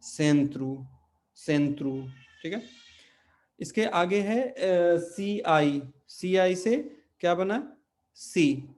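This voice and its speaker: Slow-speaking male teacher. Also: sits high, expressive. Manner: slow, explains step by step, many fillers and check questions. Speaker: Portuguese language teacher. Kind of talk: online language lesson.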